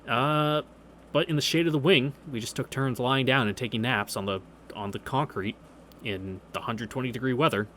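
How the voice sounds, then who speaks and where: Reading a visual novel at a moderate pace, a man with a mid-range, fairly bright voice keeps things casual and easygoing. The audio carries a little hiss or hum alongside video game music, and he adds wry remarks, reactions, and anecdotes.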